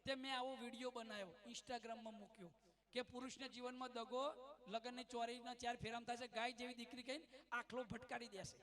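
A male comedian with a Gujarati accent tells stories in a lively way, slipping into the voices of his characters. His voice sits very high and sounds bright. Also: fairly quick. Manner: animated, acts out quoted voices. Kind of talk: stand-up storytelling.

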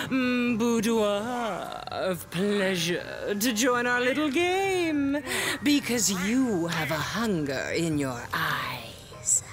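Flamboyant showwoman, slow and swooping. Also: on the high side. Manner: theatrical, grandiloquent, lingering on words. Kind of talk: video game character acting. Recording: game music behind the voice.

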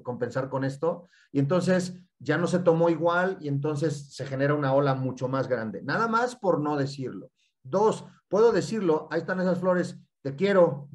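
An animated man with a Mexican accent talks through his ideas in a relaxed, explanatory way. His voice sits a little high for a man, and he keeps stringing points together. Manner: animated, repeats "y entonces". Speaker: guest speaker. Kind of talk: casual explanatory talk.

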